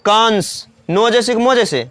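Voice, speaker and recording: A woman's voice: a little high, expressive, a little slow, a bit bright. A woman teacher giving a spelling lesson for children, asking questions and then answering them herself, repeating every point. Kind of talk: slow classroom-style spelling lesson.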